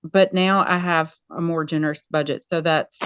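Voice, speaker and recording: A woman, a school media specialist, talking casually as an interview guest in an animated way. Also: deep voice, moderate pace, clean tone, dry recording, lo-fi sound. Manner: animated, acts out quoted voices.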